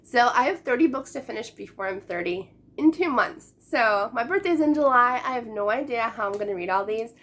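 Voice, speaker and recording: A young woman in her late twenties talks casually to her viewers about books, her voice a touch hoarse from being sick. She speaks in a fairly high register, chatty and upbeat, with frequent little laughs. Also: lively intonation, brisk, hardly any pauses, a bit bright. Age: late 20s. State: sick, voice going. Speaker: book vlogger. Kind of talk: casual chat to camera.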